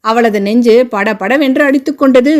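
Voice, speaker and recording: A woman reads a family novel aloud in steady, measured scripted narration. Her voice sits somewhat high, and she keeps an even storytelling pace. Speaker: audiobook narrator.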